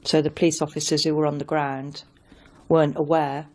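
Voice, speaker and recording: Female, interviewee recounting events, very low pitch, little intonation. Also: little pitch movement, brisk, a little hiss or hum.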